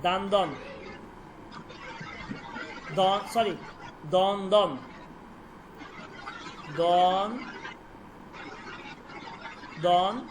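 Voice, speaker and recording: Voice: medium pitch, steady tone. Patient teacher drilling words, noisy recording. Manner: repeats words slowly for pronunciation, asks students questions. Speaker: Persian language teacher. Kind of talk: online language lesson.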